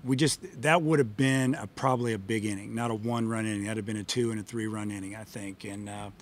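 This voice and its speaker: A man's voice: lowish voice, steady tone, fast. A middle-aged man, a baseball coach, answering reporters after a game in a plain, matter-of-fact way with many fillers, into a table microphone in a press room. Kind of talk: postgame press conference answers. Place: press room in front of a sponsor backdrop. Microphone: table mic in front of him.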